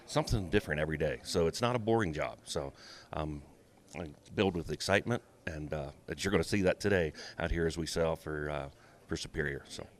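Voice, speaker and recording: Low deep male voice, American accent, middle-aged, plain-spoken, folksy, casual interview talk. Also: brisk. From small-town southeastern Ohio, USA. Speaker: auctioneer, interview guest.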